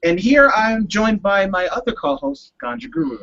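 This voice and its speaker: A man guests on a podcast, joking and swearing loosely. His voice is high and gravelly, bright and edgy, and swings widely in pitch. The audio is dull, with faint noise behind it. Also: very animated, moderate pace. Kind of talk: casual podcast chat.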